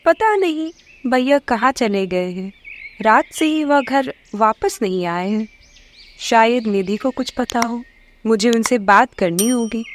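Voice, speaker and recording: A woman's voice: on the high side, animated, measured pace, a little hiss or hum. A woman voicing an anxious young sister. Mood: worried. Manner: anxious, worried.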